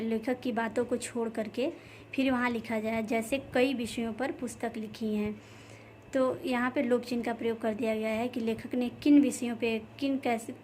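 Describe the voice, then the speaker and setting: A woman teaching a grammar lesson, explaining each point slowly and repeating key terms with many fillers. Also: a little high, a little mellow, slight background noise. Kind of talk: explaining lesson over slides.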